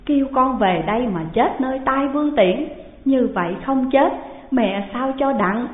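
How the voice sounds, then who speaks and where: A woman puts on a frail old royal mother who sobs through her lament, her voice pitched higher and strained with grief. It comes through thin and phone-like, ringing in a long hall echo. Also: a little slow. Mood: grief-stricken. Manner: sobbing lament.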